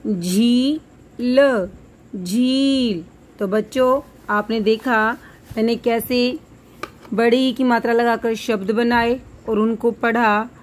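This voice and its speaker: A woman teacher, giving a children's phonics lesson, sounding out syllables clearly for young pupils. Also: a little high, level tone, measured pace. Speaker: primary school teacher.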